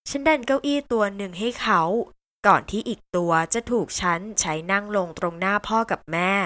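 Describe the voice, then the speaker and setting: A woman reading a first-person novel aloud with steady, expressive storytelling. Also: mid-range voice, no echo. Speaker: novel reader.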